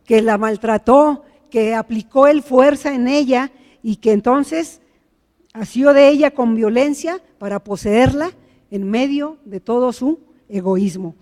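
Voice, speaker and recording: A man's voice: very high-pitched, measured pace, darkish tone, long reverb tail. A man preaching a sermon, retelling a story with earnest explanatory asides. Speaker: pastor. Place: church.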